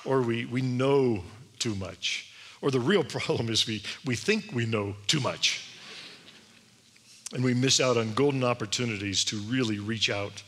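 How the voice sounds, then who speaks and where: A man's voice: mid-range voice, unhurried, fairly bright tone. A man giving an emphatic sermon-style talk to a room full of people, asking rhetorical questions and acting out quotes. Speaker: speaker at a church event. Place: large room with audience. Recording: long hall reverb.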